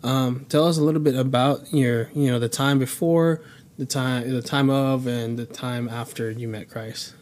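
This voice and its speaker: Halting male interviewer. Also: medium pitch, steady tone, darkish tone. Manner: halting, searching for words. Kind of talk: faith interview.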